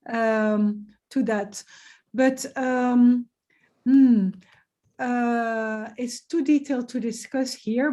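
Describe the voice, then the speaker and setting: A woman with a slightly high voice and dark tone chairs a webinar discussion on a video call in a casual meeting. She's hesitant, using many fillers, but jokes lightly.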